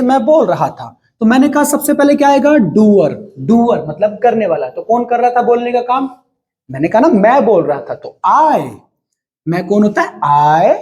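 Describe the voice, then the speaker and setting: A man's voice: sits high, mellow. A man teaching an English grammar lesson in an informal way, often asking questions and answering them himself. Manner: informal, addresses viewers as brother.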